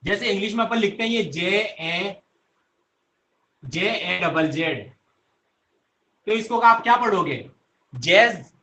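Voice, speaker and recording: A man's voice: high voice, animated, takes it slowly, pauses often, pushed and bright. A male teacher giving an online class, quizzing students with repeated questions and answering them himself. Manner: answers his own questions.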